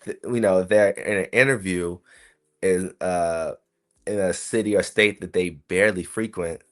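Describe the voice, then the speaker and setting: Deep-voiced man chatting on a podcast. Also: fairly even intonation, unhurried, fairly bright tone. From South Carolina, USA. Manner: chatty, rambling, frequent asides to listeners. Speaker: podcast host. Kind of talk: casual solo podcast commentary.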